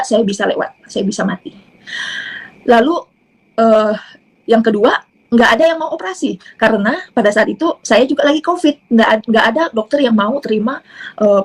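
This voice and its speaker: A middle-aged woman giving an earnest personal testimony, halting often with fillers and restarts. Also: fairly high pitch, creaky, husky, poor audio. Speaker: testimony speaker.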